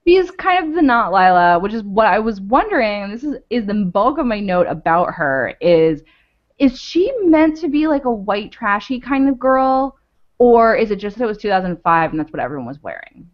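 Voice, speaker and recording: A podcast co-host talks casually about a TV show, rambling and thinking out loud with lots of "like"s. Her medium-pitched voice swings widely in pitch at a moderate pace, and the audio is dull and lo-fi.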